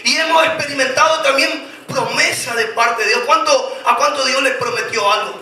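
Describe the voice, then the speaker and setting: Male pastor, very high bright ringing voice, booming church echo, faint music behind. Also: moderate pace. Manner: impassioned preaching, rises to shouts, asks congregation questions. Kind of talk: sermon. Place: church hall. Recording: very echoey church hall, mic at a distance, faint music.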